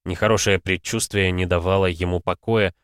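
A man narrating an audiobook in a steady, dramatic storytelling manner. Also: sits low, brisk, clear, resonant tone, no echo, studio quality.

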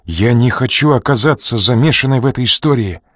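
A male narrator voicing a frightened, defiant young woman who breaks into shrill, tearful cries. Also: sing-song, normal speed, dry recording, studio quality.

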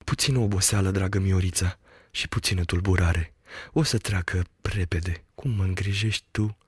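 A man's voice: sits low, fairly even intonation, husky, no room sound, studio quality. A man reading an audiobook, voicing a badly weakened young forester who speaks in a barely audible murmur. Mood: weak reassuring. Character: weak, injured young forester, barely conscious.

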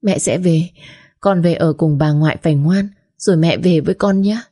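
A woman's voice: on the low side, normal speed, warm tone, natural voice. A woman voicing a young mother in detention who speaks tearfully and apologetically. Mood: tender.

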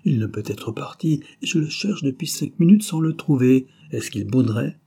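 Jovial middle-aged husband, teasing, mild, mellow husky tone, a man doing the voice. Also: medium pitch, animated, moderate pace, pitched above the performer's own voice. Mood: amused teasing.

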